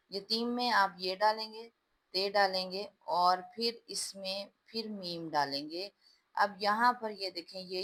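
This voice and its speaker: A woman's voice: mid-range voice, fairly bright tone, poor audio. A woman teaching a class, patiently spelling out words letter by letter and explaining how each one is written. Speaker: Urdu teacher.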